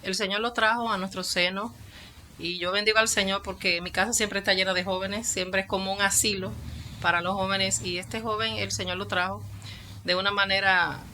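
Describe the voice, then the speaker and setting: A woman with a Dominican accent tells her story in an interview, her voice bright and forward. She is a pastor and psychologist, and she acts out each quoted exchange as she goes. Her pitch sits in an ordinary middle range. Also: fairly even intonation, moderate pace, slight background noise. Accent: Dominican Spanish. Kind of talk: testimony in an interview.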